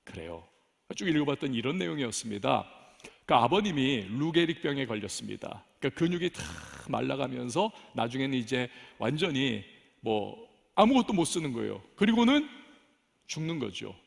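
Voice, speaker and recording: A man preaching a sermon as pastor, telling a story with dramatic swings between raised and hushed delivery. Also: medium pitch, big pitch swings, normal speed, vocal fry, in a large hall. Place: church sanctuary.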